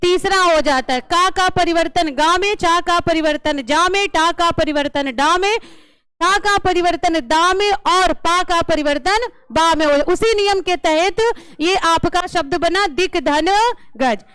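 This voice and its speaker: A woman's voice: very high voice, fairly bright tone, no echo. A woman teacher taking a class through a grammar lesson, asking questions and repeating the answers. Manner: slow, drilling questions and answers.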